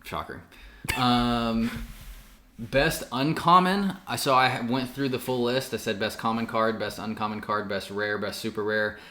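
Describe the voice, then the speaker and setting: A man's voice: medium pitch, measured pace, pushed and bright. A man co-hosting a podcast, chatting casually with lots of fillers and restarts. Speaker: podcast co-host. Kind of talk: casual chat.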